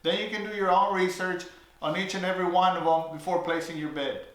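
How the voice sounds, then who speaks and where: A man's voice: sits high, fairly even intonation, brisk, a bit bright. A man casually reviewing fishing reels in a chatty, loose way with lots of fillers. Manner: chatty, loose, many fillers and tag questions. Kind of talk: casual product review vlog. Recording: very echoey room.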